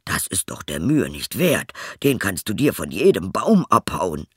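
A man voicing a doubtful old male tailor, the hero's father, speaking gruffly and in disbelief. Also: low-pitched, sing-song, measured pace, fairly bright tone, no room sound, clean studio sound, full character voice.

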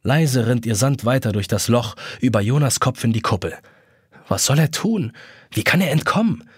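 A man reading a children's story aloud, animated narration that acts out the characters. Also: medium pitch, normal speed, breathy edge, no echo, clean studio sound. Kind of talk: expressive scripted story narration.

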